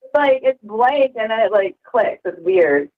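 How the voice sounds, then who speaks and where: A woman's voice: a little high, expressive, unhurried. A woman on a recorded prison phone call, talking in an easygoing way with frequent laughs and fillers. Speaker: friend on the outside. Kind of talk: casual phone chat.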